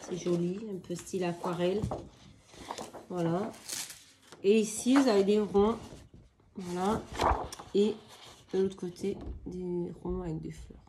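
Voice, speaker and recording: Slow, chatty French-speaking woman vlogger. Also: lowish voice, fairly even intonation, background noise. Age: adult, with children. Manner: slow, chatty, hesitant with many fillers. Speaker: craft vlogger. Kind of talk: casual haul video chat.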